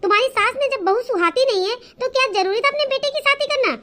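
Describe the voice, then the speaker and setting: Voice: extremely high pitch, fast talker, bright, forceful tone. A voice actor playing a worried, doting middle-aged mother who coaxes and fusses in a comedy cartoon. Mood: indignant. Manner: fussing and coaxing.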